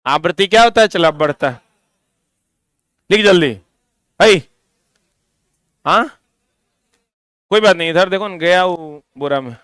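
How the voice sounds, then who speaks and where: A man's voice: high-pitched, lively intonation, measured pace, long pauses, a bit bright, clear, resonant tone, dry recording, clean studio sound. A man with a Bihari accent teaching a class, drilling students with repeated questions and scolding them. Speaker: coaching teacher. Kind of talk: classroom lecture.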